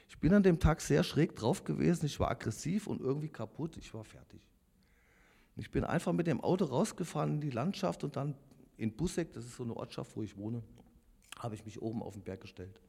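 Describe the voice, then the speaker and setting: A man's voice: a little high, gravelly, mellow, slightly rough. A man in his fifties giving an earnest, confessional personal testimony to a congregation, speaking directly to his listeners. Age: 50s. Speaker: lay preacher giving testimony. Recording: long hall reverb.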